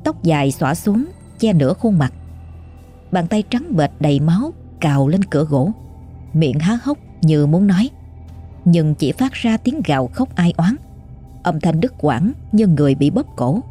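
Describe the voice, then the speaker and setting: A woman narrating a scripted ghost story with a measured, suspenseful delivery. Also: sits low, very animated, warm tone, husky, soft background music.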